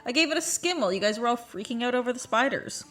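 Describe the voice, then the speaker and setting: An actress playing a blunt, teasing medical student talking with friends. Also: female voice, on the high side, expressive, fast talker, a bit bright, faint music behind. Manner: blunt, teasing, matter-of-fact.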